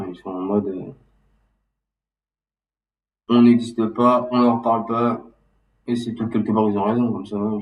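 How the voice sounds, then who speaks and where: A man talking casually and loosely about his memories, halting and restarting often with lots of fillers. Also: lowish voice, highs cut off. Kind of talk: casual rambling monologue. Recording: roomy echo, mic at a distance.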